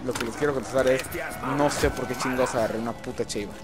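A man's voice: medium pitch, fast, loud music behind the voice. A young man with a Mexican accent giving casual gameplay commentary, swearing and rambling through stories. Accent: Mexican Spanish. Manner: crude, swearing, rambling storytelling. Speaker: gamer. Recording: loud background noise.

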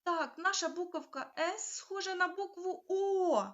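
A woman teaching young children a phonics lesson, sounding out letters slowly and asking them questions. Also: extremely high pitch, a bit bright, highs cut off. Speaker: primary school teacher.

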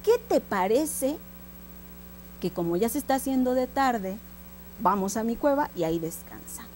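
A woman voicing a proud, boastful male lion in a told story, blustering and then shrill with fright. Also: big pitch swings, moderate pace, darkish tone, a little hiss or hum, low-quality recording.

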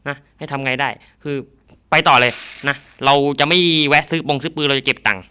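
A man giving playful, jokey commentary on a mobile zombie game, bursting into shouts and mock samurai lines. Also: medium pitch, steady tone, brisk, smooth.

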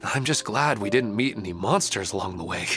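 A man's voice: lowish voice, expressive, brisk, fairly bright tone, soft background music. A man voicing a kind, devoted husband and father in a video game, speaking earnestly.

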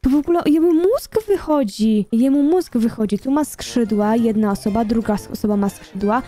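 A woman's voice: fairly high pitch, normal speed, warm tone, soft background music. A young woman giving casual gameplay commentary, chatty and thinking aloud as she plays. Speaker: gaming YouTuber.

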